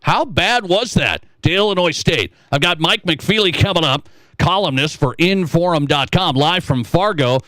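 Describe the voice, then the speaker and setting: Expressive and fairly bright, this radio host's higher voice moves at normal speed with no echo. In a chatty sports commentary that includes reading texts from listeners, he hammers home strong opinions by going over his points again.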